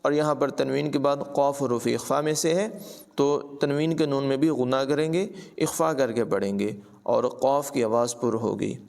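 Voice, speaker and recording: A man giving a tajweed lesson, chanting verses slowly and melodically, then explaining pronunciation rules in quick instructive speech. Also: mid-range voice, fairly even intonation, creaky, darkish tone. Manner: alternates drawn-out melodic recitation with brisk instructive commentary. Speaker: Quran recitation teacher.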